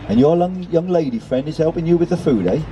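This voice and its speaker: A man's voice: on the high side, lively intonation, quick pace, a little hiss or hum, voice pushed up, natural voice, poor audio. A man voicing a friendly old male seagull who teases and coaches a young pigeon in a children's story. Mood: teasing. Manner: warm, teasing, calls the pigeon young'un.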